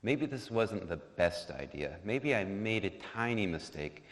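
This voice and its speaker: A man doing a rich landowner who has lost control and begs for help in a hurried, pleading way. His voice is very low, and a long hall reverb trails every word. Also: sing-song. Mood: worried.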